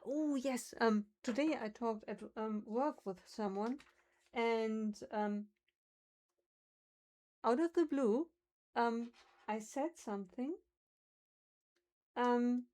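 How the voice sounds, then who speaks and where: A woman with a German accent, whose first language is German, chats casually on a livestream and reflects aloud on how words are pronounced. She speaks slowly with long pauses, in a slightly high and a little mellow voice.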